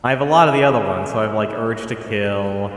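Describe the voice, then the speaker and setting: A man's voice: lowish voice, fast. A man streaming a game and chatting casually, his voice running through a cave echo filter. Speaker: gaming streamer. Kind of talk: casual gameplay commentary. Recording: heavy echo filter, long reverb, faint game music.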